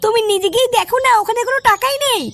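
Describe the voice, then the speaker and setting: A woman's voice: extremely high pitch, very fast, noisy background. A woman voicing a worried, thrifty old grandmother in a cartoon, nagging and fretful. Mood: alarmed. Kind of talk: cartoon voice acting. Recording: cartoon with background music.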